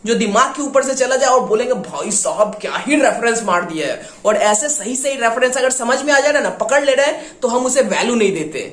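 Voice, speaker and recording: A man hosting a music reaction video, talking with excitement and mixing Hindi with English slang. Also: very high-pitched, fairly quick, hardly any pauses, reverberant. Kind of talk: casual reaction commentary.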